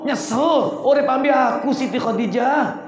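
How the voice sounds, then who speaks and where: A hoarse man portraying a concerned husband pressing his wife with earnest questions. inflection, a raised voice and a roomy echo around it. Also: on the high side, steady tone, moderate pace, a little mellow, voice pushed down, close to an everyday voice. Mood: urgent. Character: gentle, concerned husband and prophet. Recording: echoey room.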